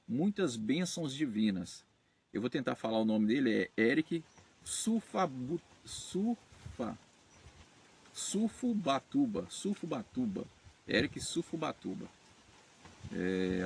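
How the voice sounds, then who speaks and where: A man's voice: fairly low pitch, gravelly, slightly rough. A Brazilian man hosting his channel, casually answering viewer comments with many fillers and self-corrections. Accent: Brazilian Portuguese. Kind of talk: casual talk to camera.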